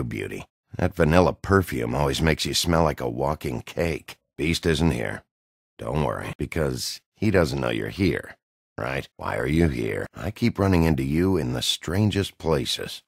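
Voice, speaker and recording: Bigby Wolf, very deep gravelly detective. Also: male voice, no room sound, full character voice. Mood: gruff, probing. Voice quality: gravelly, husky. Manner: blunt, dry, brooding interrogator. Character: gruff, weary, hard-boiled Big Bad Wolf detective. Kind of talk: video game voice acting.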